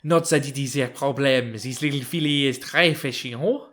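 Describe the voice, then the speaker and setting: A man's voice: mid-range voice, a bit bright, lightly acted. A man putting on an exaggerated French accent to voice a fussy, bewildered Frenchman from a video game. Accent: fake French. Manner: exaggerated put-on accent, slow and puzzled.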